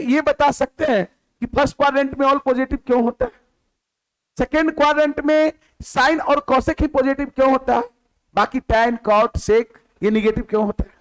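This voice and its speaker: A man teaches a maths lecture in a high, light voice. He fires questions at the class, repeats the key word, then answers it himself with a drop in tone. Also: smooth, poor audio. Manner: repeats key words, drops to a lower voice on the answer.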